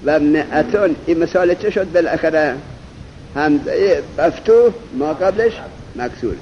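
Male teacher, slightly high voice, seminary-style class lesson, keeps firing questions at students, drags out example words; muffled lo-fi tape with faint hiss. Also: darkish tone. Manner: quizzes students, drawls example words slowly. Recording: dull lo-fi recording with faint noise.

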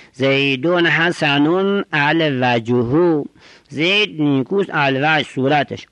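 A man teaching a traditional grammar lesson, reading short Arabic phrases and explaining each one in a measured, explanatory cadence. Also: fairly high pitch, fairly bright tone, dry recording.

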